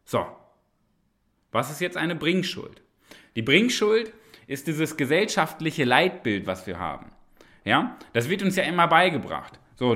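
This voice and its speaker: Male podcast host, motivational monologue. Preachy, emphatic, repetitive; voice sits a bit high. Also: fairly bright tone.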